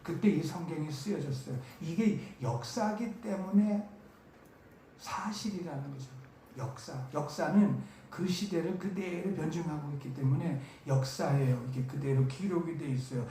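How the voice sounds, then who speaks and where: The recording captures a very echoey large church hall with faint noise, where a summer-camp preacher with a dark-toned, mid-range voice speaks at normal speed. The sermon leans on stressed, repeated key words and questions aimed at the audience.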